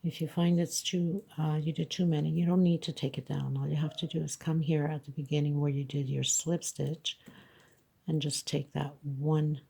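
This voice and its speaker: A crochet instructor leads a step-by-step tutorial, patiently counting stitches in a congested voice. She speaks at a normal speed in a deep, level, warm, husky voice with vocal fry.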